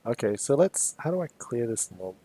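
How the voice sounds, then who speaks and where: A man, streaming a card game and casually thinking aloud as he plays, relaxed and chatty. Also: mid-range voice, a little fast. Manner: relaxed, chatty, muses aloud and chuckles easily.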